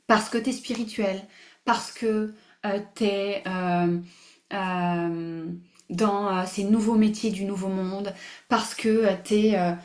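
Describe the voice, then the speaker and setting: A woman hosting a live online masterclass, animated and emphatic, repeating phrases, mixing in English words and laughing often. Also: mid-range voice, slow pace. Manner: mixes English words into her speech. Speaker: masterclass host. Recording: roomy echo.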